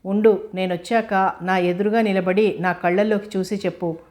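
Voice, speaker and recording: A woman reading the part of a young male doctor, a quick-tempered and affectionate fiancé, in a storybook. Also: mid-range voice, steady tone, a little mellow, close to an everyday voice. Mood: teasing.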